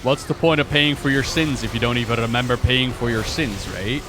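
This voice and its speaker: A man's voice: medium pitch, fairly quick. A man giving casual livestream game commentary, rambling and musing aloud in a playful way. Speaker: game streamer and lore commentator. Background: game music and effects.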